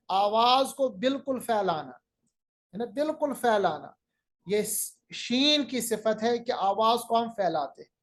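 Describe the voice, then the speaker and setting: Female recitation teacher, unhurried delivery, drills each sound by repeating it. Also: on the high side. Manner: slow, patient, stretches out sounds to demonstrate; repeats words to drill pronunciation. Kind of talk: recorded lecture.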